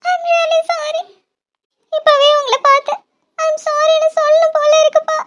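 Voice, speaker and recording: A woman does a young cartoon college girl with a very high, piping voice. She talks in an emotional, apologetic way, full of remorse. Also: little pitch movement, slow pace, fairly bright tone, exaggerated voice. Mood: remorseful. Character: young female college student, tearful and devoted daughter. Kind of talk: cartoon dialogue.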